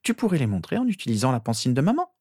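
A man voicing a skeptical, teasing teenage girl with sharp retorts. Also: medium pitch, huge pitch swings, rapid-fire, husky, no room sound, voice pushed up. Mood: mocking. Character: mocking skeptical teenage girl, Harry's sister.

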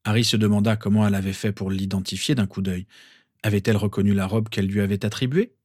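Low-voiced man reading a story. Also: fairly even intonation, quick pace, darkish tone, dry recording, clean studio sound. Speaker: reader. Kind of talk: audiobook narration.

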